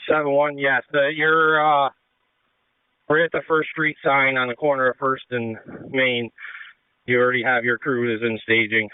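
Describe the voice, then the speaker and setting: A man's voice: mid-range voice, little pitch movement, moderate pace, clean tone, no echo. A man directing crews as a fireground officer in terse, procedural firefighter radio talk over a two-way radio. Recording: muffled narrow-band two-way radio.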